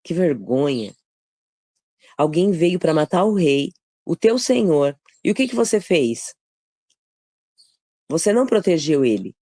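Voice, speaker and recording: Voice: medium pitch, sing-song, normal speed, warm tone, no echo, studio quality, close to an everyday voice. Alguém fazendo um jovem guerreiro bíblico repreendendo. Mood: reproachful. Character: biblical young warrior taunting a general. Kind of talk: retelling a Bible scene in a study group.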